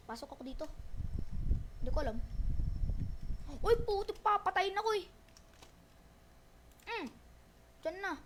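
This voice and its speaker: A woman with a very high voice chats through an online shooter match, calling out enemies in quick repeated bursts. Her tone swings between urgent and teasing as she talks to teammates. A faint hiss and clicking run under her voice. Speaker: gamer streaming a shooter match. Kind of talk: casual gameplay chatter with teammates.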